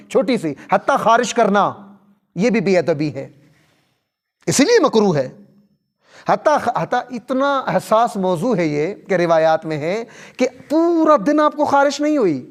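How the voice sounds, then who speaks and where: A male cleric delivering a sermon, firing rhetorical questions and slowing down to stress key points. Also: sits high. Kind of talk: Shia sermon.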